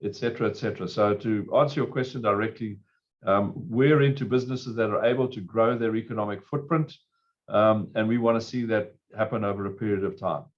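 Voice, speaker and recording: Hoarse man explaining investing. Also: fairly low pitch, fairly even intonation, dull audio. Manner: measured, explanatory. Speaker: fund manager. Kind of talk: interview answers.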